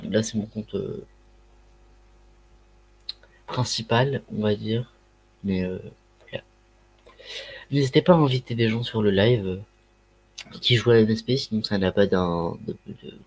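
Husky-voiced man with a Ch'ti accent. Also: lowish voice, a little slow, pauses often. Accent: Ch'ti (northern French). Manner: rambling, many fillers and slang. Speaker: livestreamer. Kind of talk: casual livestream chat. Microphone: headset microphone.

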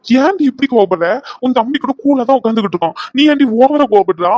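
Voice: sits high, expressive, fast, darkish tone, no echo, lo-fi sound. A performer voicing a captured villain in a cartoon, a boastful man turned whiny coward who grumbles and pleads comically.

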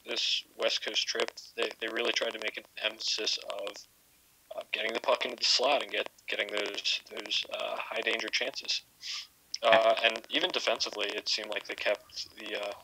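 A man's voice: on the low side, pushed and bright, slight background noise, low-quality recording. A man co-hosting a podcast, analysing hockey stats in a casual, stammering way. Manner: analytical, stammers on repeated words. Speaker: podcast co-host.

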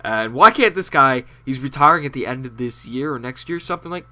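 Young man, nasal, profane, sarcastic, rambling gameplay commentary, mid-pitched, bright tone. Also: lively intonation, fairly quick, a little hiss or hum. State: out of breath. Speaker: gaming commentator.

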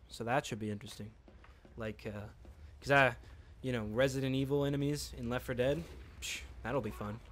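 A man's voice: mid-range voice, fairly bright tone, a little hiss or hum. A man giving casual let's-play commentary, rambling and joking to himself while he plays. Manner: rambling, joking, talks to himself mid-game. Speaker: gameplay commentator.

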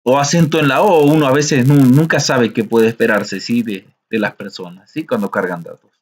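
A man's voice: medium pitch, steady tone, normal speed. A man teaching a screen-recorded coding lesson, explaining patiently step by step and often checking in with listeners.

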